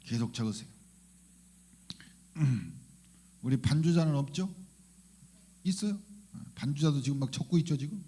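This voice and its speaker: Man, pastor, high voice, fervent animated sermon, hallelujahs, questions to the congregation. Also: unhurried, pauses often, husky. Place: church sanctuary.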